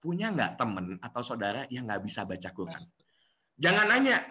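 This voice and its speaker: A man giving a coaching class, animated and acting out the people he quotes. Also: mid-range voice, moderate pace. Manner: animated, acts out quoted voices.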